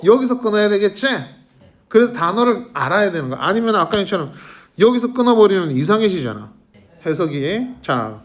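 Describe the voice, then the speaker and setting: A male teacher lectures a middle school class, firing questions at his students to keep them engaged. His voice sits high and swings widely in pitch. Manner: lively, questioning students constantly.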